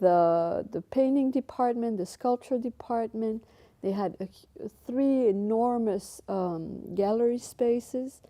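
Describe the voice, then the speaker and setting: A Mexican-born painter raised in Belgium recalls her past in an interview. Her very dark, mid-range voice is slow and halting, with many fillers and restarts, never hurried.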